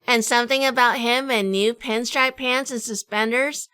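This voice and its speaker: A woman narrates and performs dialogue as a wry, world-weary detective in a noir radio drama, her delivery dry and sardonic. Her slightly high voice is pushed, bright, clear and resonant, with fairly even intonation at normal speed. The recording is dry.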